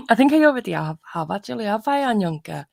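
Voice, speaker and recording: A woman's voice: a little high, big pitch swings, a little fast, vocal fry, darkish tone, dry recording. A woman guest in a casual livestream chat who jokes around, swears and giggles. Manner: joking, profane, giggly.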